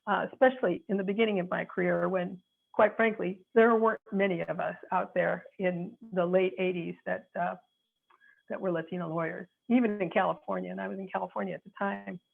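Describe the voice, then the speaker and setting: Brisk and steady, her low-leaning voice has a creaky quality. The speaker is a Midwestern attorney in her sixties from North Chicago who gives reflective, earnest, and frank advice while reaching for her words, heard through a tinny phone-like line.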